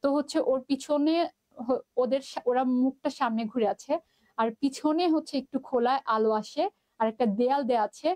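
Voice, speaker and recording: Woman teacher with a Bangladeshi Bengali accent, high voice, dry close sound, chatty live-class delivery. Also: a little mellow, no room sound. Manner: chatty, mixes English terms, reads out student comments.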